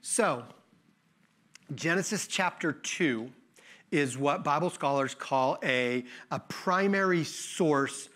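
Guest pastor, fifties, male; bright, slightly high voice; conversational sermon with restarts. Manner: conversational, self-correcting, with quick laughs. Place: church sanctuary.

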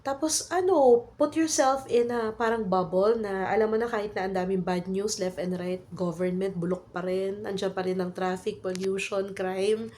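A woman's voice: mid-range voice, normal speed, darkish tone. A woman in her thirties with a Filipino accent, telling a casual story in a vlog in chatty Taglish with lots of fillers, while she has a cold and a cough. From Philippines. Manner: chatty Taglish with many fillers and tag questions. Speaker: vlogger.

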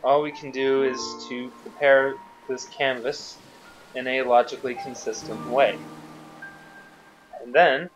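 A man reading a calm explaining woman scientist. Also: mid-range voice, a little slow, dull audio, faint music behind, close to an everyday voice.

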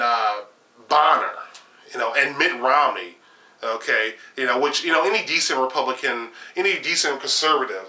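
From a small room at home with shelves of games behind him, a young man with a fairly high, reverberant voice delivers sarcastic, opinionated political commentary to camera. He's animated and gestures a lot, with many fillers and restarts.

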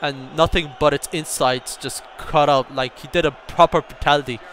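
A young man commentating his own gameplay, telling a story and bursting into excited shouts at the game. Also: on the high side, normal speed, a little hiss or hum. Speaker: gaming YouTuber.

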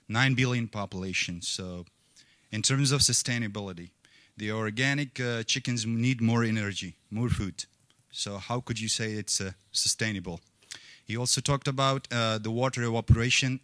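A man's voice: fairly low pitch, sharp tone. A young man from Afghanistan, a student, asks a panel questions into a handheld mic in a conference hall, hesitating with many fillers. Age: young adult. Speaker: student asking questions from the audience. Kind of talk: audience question.

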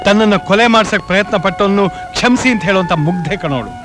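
An actor playing a stern, upright head of a household who scolds a traitor. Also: male voice, sits high, fast talker, lightly acted. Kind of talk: film dialogue. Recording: film soundtrack with clear music.

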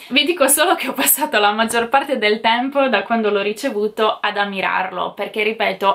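A woman's voice: fairly high pitch, a bit bright. A young woman speaking to camera in a casual, enthusiastic chat about the Christmas gifts she got, gushing as she shows each one. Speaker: beauty vlogger.

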